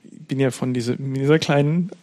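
Man, average pitch, rambling casual podcast talk, frequent restarts. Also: moderate pace, dark tone. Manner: rambling, restarts often, nostalgic. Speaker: podcast co-host. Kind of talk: casual chat.

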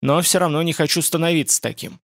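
Guy doing young warrior dude, short wary answers, bit higher voice. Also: quick pace, vocal fry, no room sound, studio quality. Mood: terse. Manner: guarded, terse. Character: young male warrior, guarded and terse.

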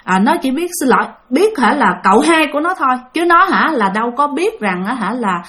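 A woman with a Southern Vietnamese accent tells a spooky tale in a casual, chatty way. Her voice sits somewhat high, and she leans on fillers and speaks straight to her listeners. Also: sing-song, fairly quick, a bit bright. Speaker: storyteller.

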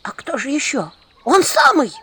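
A woman reading an audiobook, voicing a frightened, shy village widow who pleads in a breathy half-whisper. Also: sits high, huge pitch swings, moderate pace, pushed and bright, voice pushed up, full character voice. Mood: pleading. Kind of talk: audiobook character voice.

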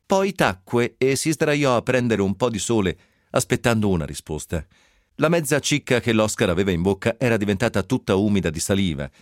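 Male reader, low voice, animated ironic storytelling, close dry radio studio. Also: a little fast, no room sound. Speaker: reader of a novel excerpt. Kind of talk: expressive literary reading.

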